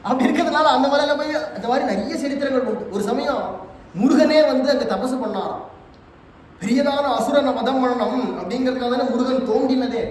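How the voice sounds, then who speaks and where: A man giving a devotional religious discourse, telling stories and chanting verses in a drawn-out sing-song. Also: very high-pitched. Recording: echoey hall, distant mic, faint noise.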